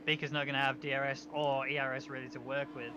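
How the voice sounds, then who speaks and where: A man giving live sim racing commentary as a motorsport commentator, with excitable calls. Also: mid-range voice, fast, highs cut off, background noise.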